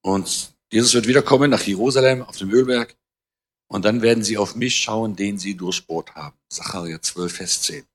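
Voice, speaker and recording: A man's voice: lowish voice, normal speed. A man in his fifties, born in Germany, gives an earnest, conversational talk to a church audience, quoting scripture, adding light humour and often hesitating and correcting himself. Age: 50s. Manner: talks with frequent hesitations and self-corrections. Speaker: guest speaker on Israel.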